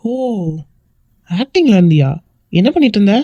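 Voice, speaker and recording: A woman's voice: mid-range voice, sing-song, normal speed, warm tone, dry recording. A woman voicing a breezy, teasing young man in an amateur cartoon. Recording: dull lo-fi recording.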